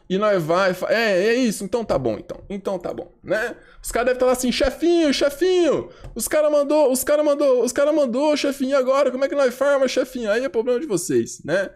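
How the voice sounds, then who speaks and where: A man's voice: extremely high pitch, darkish tone. A man with a Brazilian accent giving live gameplay commentary to his chat, slangy and provocative, repeating phrases like chants. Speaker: game streamer.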